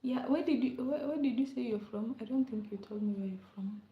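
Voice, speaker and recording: This young woman from Kenya speaks fairly quickly in a fairly high voice while casually chatting with viewers on a livestream, laughing often and repeating words. She's indoors in a rented room at home, and her laptop mic captures a dull, lo-fi, echoey sound.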